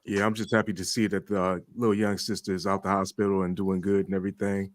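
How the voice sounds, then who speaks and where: A male panelist on a relaxed talk show sets the record straight in an upbeat, matter-of-fact way. His voice is low, and the sound is dry and close to the mic. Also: fast talker, dry recording. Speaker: panel co-host.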